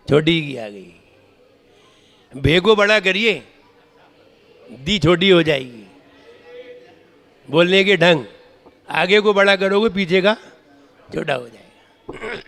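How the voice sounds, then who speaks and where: A Jain monk teaching correct recitation, correcting syllables and chanting verses in a slow drawn-out way. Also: male voice, high voice, sharp tone. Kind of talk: pronunciation lesson with chanting. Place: temple hall. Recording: reverberant hall.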